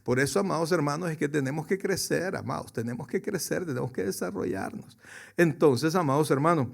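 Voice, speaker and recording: A man preaching a sermon to his congregation, swinging from soft to loud and questioning his listeners directly. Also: on the high side, fairly quick, gravelly. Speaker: pastor.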